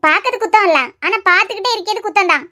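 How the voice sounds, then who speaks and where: A woman's voice: very high-pitched, very fast, sharp tone. A woman voicing a weepy young wife who pleads and sulks, with a Kanyakumari Tamil accent. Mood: scolding. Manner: plaintive, pleading, sulky. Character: young pregnant wife, weepy and easily hurt. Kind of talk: cartoon web series voice acting.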